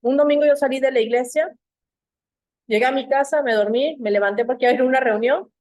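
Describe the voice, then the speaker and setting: A middle-aged woman from Mexico, teaching a church Bible class in a lively storytelling manner and acting out the voices she quotes. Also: high voice, fast talker, no room sound.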